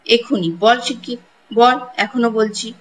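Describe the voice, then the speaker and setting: A woman's voice: a little high, steady tone, a little slow, close to an everyday voice, poor audio. A woman voicing a harsh, bullying older village woman who scolds and threatens a girl in a storybook reading. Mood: furious.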